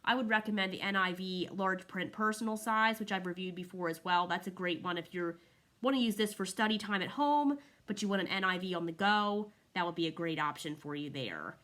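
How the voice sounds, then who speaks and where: A woman's voice: on the low side, a little fast, fairly bright tone. Chatty woman reviewing a book. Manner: friendly, chatty, walks through pages while talking. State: slightly out of breath. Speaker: Bible reviewer. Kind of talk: casual product review.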